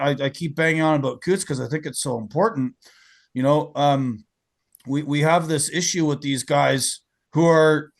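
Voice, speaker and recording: Man, podcast host, gravelly voice, slightly high pitch, emphatic, casual talk. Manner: emphatic, repeats words, says like a lot.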